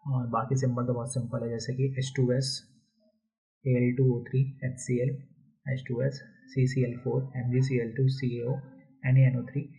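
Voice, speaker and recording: Male tutor, husky and mellow, patient step-by-step explainer who repeats key terms. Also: mid-range voice, little pitch movement, a little slow. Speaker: teacher. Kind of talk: chemistry lesson walkthrough. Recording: dull lo-fi recording.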